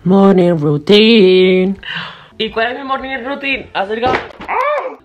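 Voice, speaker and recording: Slow and sing-song, this young woman's voice is a little high, captured with lo-fi sound in an echoey room. In her twenties, she's making an ironic parody vlog that pokes fun at herself, holding the camera at arm's length in her small apartment's kitchen and bedroom.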